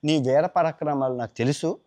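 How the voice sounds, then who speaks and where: Chatty male storyteller, lively voice. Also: fairly quick. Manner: chatty, colloquial, mixes English words; voices characters with big pitch swings. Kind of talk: casual storytelling with acted quotes.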